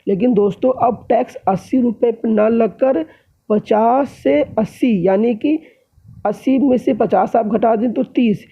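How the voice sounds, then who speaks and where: A man teaches an economics lesson in a high, gravelly voice with a husky edge. He works through his examples step by step and keeps addressing his listeners as friends. The sound is thin and tinny, like a phone line. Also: unhurried. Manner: explains step by step, often addressing viewers as friends. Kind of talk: classroom lecture.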